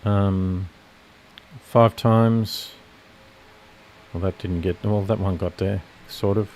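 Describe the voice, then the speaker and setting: A man's voice: sits low, fairly even intonation, slow pace, a little mellow, slight background noise. A man with a nasal voice giving casual live commentary on futures trades, rambling and correcting himself as he explains his setups.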